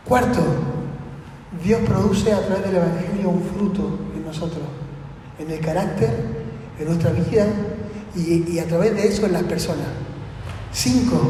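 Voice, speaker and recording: A man's voice: high voice, warm tone, slight background noise. A man with a Rioplatense accent preaching to a youth meeting at church, chatting with the audience and asking them rhetorical questions. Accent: Rioplatense Spanish. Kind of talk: sermon. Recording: echoey hall, faint ambience.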